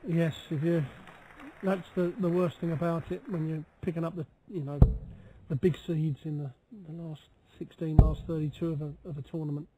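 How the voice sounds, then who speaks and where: A man's voice: on the high side, little pitch movement, normal speed, background noise. A man giving chatty, analytical live commentary as a darts co-commentator.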